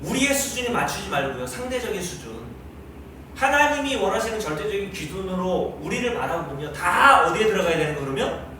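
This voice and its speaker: A man preaching a sermon as pastor, lively and teasing his congregation with questions. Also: sits high, brisk, slight background noise. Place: large church hall. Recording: very echoey hall, mic far off.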